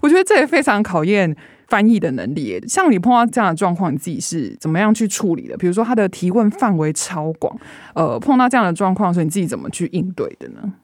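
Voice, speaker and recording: A woman's voice: lowish voice, sing-song, quick pace, dry recording, clean studio sound. A woman with a Taiwanese Mandarin accent, interviewing a guest conversationally as an engaged podcast host.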